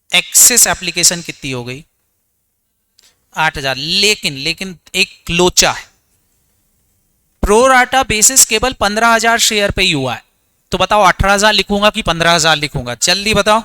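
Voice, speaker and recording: Bright, crisp male teacher quizzing students. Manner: quizzes students, answers his own questions in a low voice; mixes English terms into Hindi. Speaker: accounts teacher. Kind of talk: exam revision lecture.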